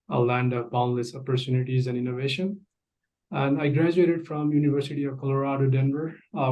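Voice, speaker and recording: A man from Nepal, president of an engineering firm, giving earnest, formally phrased answers on a video call. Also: medium pitch. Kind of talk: prepared interview answers. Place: home office, indoors. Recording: dull lo-fi call audio.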